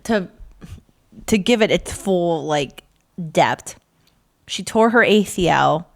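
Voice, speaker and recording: A woman's voice: on the low side, expressive, takes it slowly, gravelly. A woman co-hosting a podcast in casual chat, chiming in to clarify and sum up her sister's story. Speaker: podcast co-host.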